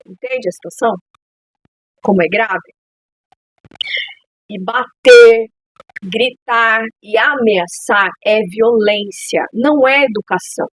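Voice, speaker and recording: A woman's voice: a little high, takes it slowly, pauses often, dry recording, low-quality recording. A woman hosting a parenting talk, speaking in an earnest, heartfelt way and repeating phrases for emphasis. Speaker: podcast host speaking to parents. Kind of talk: earnest advice monologue.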